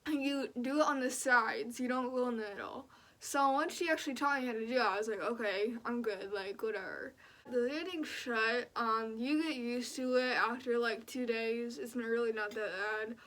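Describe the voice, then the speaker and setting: In a casual personal vlog, a young woman recounts her own experience in a blunt, slangy way, using "like" again and again. Her voice is on the high side and a bit bright, with fairly even intonation and a moderate pace.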